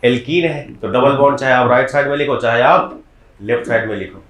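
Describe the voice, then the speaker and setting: A male chemistry teacher giving a classroom lecture, explaining step by step and often putting quick questions to his students. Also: medium pitch, a bit bright, reverberant.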